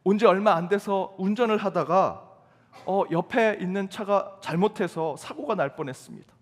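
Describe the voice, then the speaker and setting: A man's voice: high voice, normal speed. A man preaching a sermon as pastor in a church sanctuary, with emphatic delivery and rhetorical questions. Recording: long reverb of a church hall.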